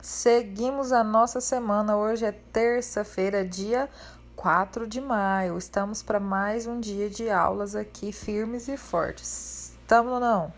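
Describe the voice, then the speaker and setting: A woman's voice: medium pitch, steady tone, measured pace. A woman teacher, giving a remote class lesson in a friendly way and explaining step by step.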